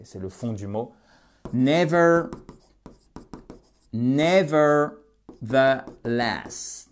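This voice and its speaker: A man teaching English in a lesson, slowly stressing phrases for learners to repeat. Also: medium pitch. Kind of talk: language lesson with repetition drills.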